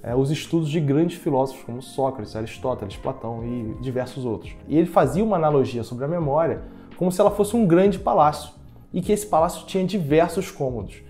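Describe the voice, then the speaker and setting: Um jovem brasileiro com sotaque brasileiro, apresentando um vídeo explicativo e falando direto com o espectador, em tom de conversa. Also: male voice, fairly high pitch, brisk, mellow, soft background music. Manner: conversational, speaks directly to viewer. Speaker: educational video host. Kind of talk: explanatory video talk.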